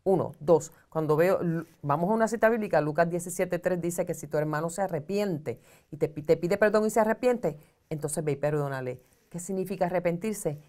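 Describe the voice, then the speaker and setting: On the low side and slightly mellow, this middle-aged woman's voice carries an earnest tone. She's a social communicator appearing as a guest on a studio advice talk show, seated in an armchair on set. She counsels and explains conversationally, gesturing widely as she talks.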